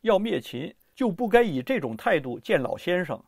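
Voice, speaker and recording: A brash, proud male strategist from an old historical tale, gruff and blustering, as a storyteller puts him on. His voice rises high and swings widely, in a dry, close recording. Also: sing-song, moderate pace, dry recording, full character voice. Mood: sly.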